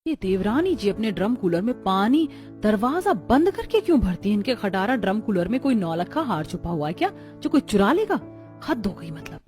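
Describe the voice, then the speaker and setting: A woman's voice: mid-range voice, sing-song, moderate pace, darkish tone, soft background music, natural voice. A woman voicing a jealous elder sister-in-law who mocks and snoops with sarcasm. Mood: suspicious muttering. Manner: taunting, sarcastic.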